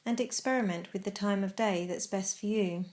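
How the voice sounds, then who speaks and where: A woman guiding a body scan meditation, speaking calmly with slow, measured pauses. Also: mid-range voice. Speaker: mindfulness guide. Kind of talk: guided meditation instruction.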